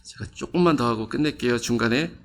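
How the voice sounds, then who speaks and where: A man's voice: mid-range voice, fast talker. A male pastor giving a conversational sermon, quizzing the congregation and acting out quoted voices with rising emphasis. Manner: conversational preaching with quiz questions to the congregation.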